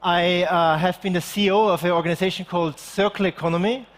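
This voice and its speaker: A middle-aged man speaks at a festival in a high, earnest voice, pressing his point with urgency and restarting his sentences along the way. The sound rings with a long reverb from a large hall. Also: fairly even intonation, fast. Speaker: conference speaker. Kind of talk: conference talk.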